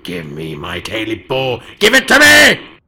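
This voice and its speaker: Brief: a slow, gravelly, bone-hungry furry beast, put on by a male narrator, with wild swings in pitch. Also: sing-song, bright, forceful tone, heavily acted. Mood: demanding. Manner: chanting, repeating short broken phrases. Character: gravelly furry male bone-obsessed creature, feral and greedy.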